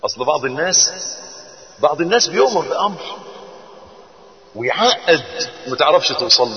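Egyptian preacher with a quick, lively delivery. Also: male voice, a little high. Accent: Egyptian Arabic. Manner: animated, shifting between loud emphasis and soft tones. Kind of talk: sermon. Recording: muffled, with long hall reverb.

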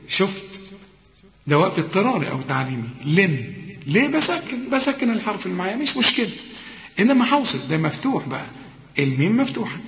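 A man with an Egyptian accent teaching Quran recitation, repeating words slowly to show and correct pronunciation. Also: high-pitched, a bit bright. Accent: Egyptian Arabic. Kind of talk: recitation lesson. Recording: echoey hall, dull lo-fi sound.

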